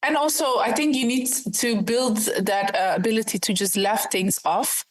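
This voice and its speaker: A woman's voice: fairly high pitch, steady tone, moderate pace, rough recording. Direct, earnest woman investor. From Ethiopia, raised in the Netherlands. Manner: direct, earnest, explains with rhetorical questions. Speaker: investor and entrepreneur guest. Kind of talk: podcast interview answers.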